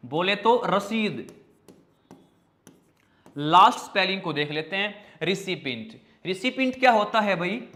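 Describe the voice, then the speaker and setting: A man's voice: high-pitched, lively intonation, a little slow, long pauses, sharp tone. A man with a Hindi accent teaching an online vocabulary class, asking questions and answering them himself while spelling words out in pieces. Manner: addresses students as brother and child. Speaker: English teacher.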